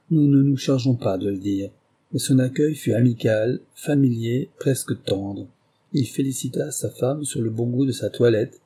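A man narrates an old novel in a measured, literary manner. His voice is very dark and mellow, with a husky edge. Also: medium pitch. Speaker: audiobook reader. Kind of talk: reading a 19th-century novel aloud.

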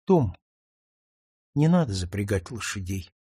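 A man voicing a gentle little girl who speaks softly and earnestly. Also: very deep voice, very animated, a little slow, slightly rough, no room sound, studio quality, voice pushed down, full character voice. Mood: sad, firm. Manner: soft, earnest.

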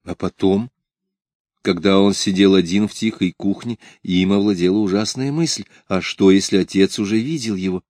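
Low-voiced male audiobook narrator. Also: dry recording, studio quality. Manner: measured, even literary reading. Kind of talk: scripted narration.

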